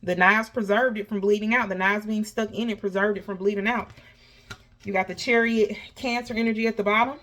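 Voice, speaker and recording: A woman's voice: mid-range voice, steady tone, brisk, fairly bright tone. A woman with a slushy lisp on her s sounds, chatting casually and sassily to viewers as she reads tarot. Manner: folksy, sassy, addresses viewers as honey and baby. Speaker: tarot reader host.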